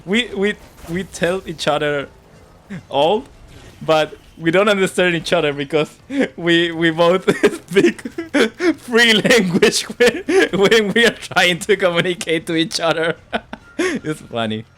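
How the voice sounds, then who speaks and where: Speaking slowly in a high, slightly bright and expressive voice, a Spanish-accented man whose first language is Spanish streams a game and chats casually. He laughs frequently and repeats words whenever he stumbles.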